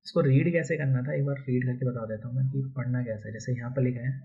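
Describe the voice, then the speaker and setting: A man's voice: mid-range voice, steady tone, fast talker, husky. A man teaching a chemistry lesson, explaining step by step and repeating key terms often. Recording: dull lo-fi recording.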